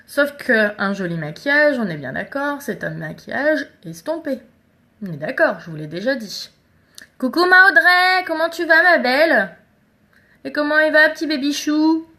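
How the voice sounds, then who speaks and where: Bright chatty woman. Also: mid-range voice. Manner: chatty, addresses viewers directly and greets commenters. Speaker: makeup seller doing a live stream. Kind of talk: casual live makeup tutorial.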